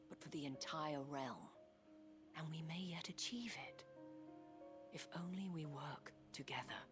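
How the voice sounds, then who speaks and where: A gracious, composed leader of a refuge in a video game. Her low, breathy voice is formal and diplomatic, with clear music underneath. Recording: music behind the voice.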